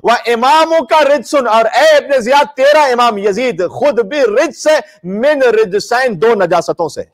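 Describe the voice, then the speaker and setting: A very high-voiced male preacher sounds animated yet unhurried as he delivers an impassioned sermon. He declaims emphatically, telling stories mournfully, in an indoor space with draped religious banners that is being live streamed.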